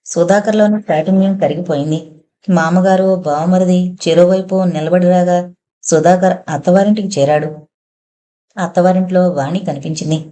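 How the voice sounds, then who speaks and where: A woman narrating a full-length novel in a steady storytelling manner, as an audiobook reader. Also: on the low side, moderate pace.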